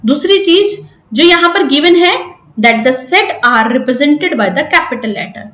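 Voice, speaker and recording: Speaking slowly in a high, fairly bright voice with lively intonation, an Indian-accented woman walks a class through maths one step at a time. Her lesson mixes Hindi with English, she often asks "right?", and the sound is reverberant.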